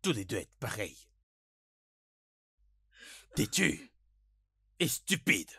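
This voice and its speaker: A man's voice: medium pitch, sharp tone, husky, dry recording, studio quality, exaggerated voice. An actor dubbing a stern father who harshly scolds his children. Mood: furious. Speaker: angry father. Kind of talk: French dub of a film.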